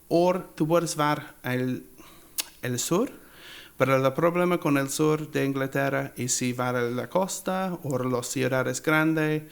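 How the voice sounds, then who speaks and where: A man from England whose first language is English, speaking with an English accent as an interview guest, halting and slipping English words into his talk. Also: mid-range voice, vocal fry, smooth. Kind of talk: casual interview chat.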